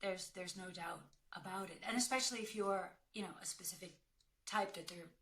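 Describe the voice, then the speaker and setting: Speaking a little fast in a mid-range, bright and forceful voice, a working actor and career coach offers advice during a question-and-answer call. Her manner is conversational yet direct and emphatic.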